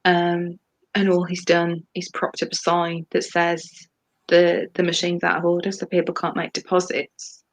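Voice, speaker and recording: A woman's voice: fairly low pitch, completely flat delivery, a little slow. A woman co-hosting a casual livestream discussion over a video call, rambling and hesitant with many ums. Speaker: co-host.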